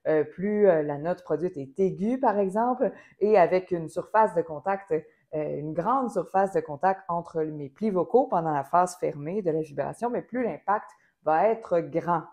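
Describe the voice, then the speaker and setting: A woman with a Québécois French accent giving a careful, precise singing lesson, pausing often with hesitations. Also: fairly low pitch, a little mellow. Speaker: singing teacher. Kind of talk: explanatory vocal lesson.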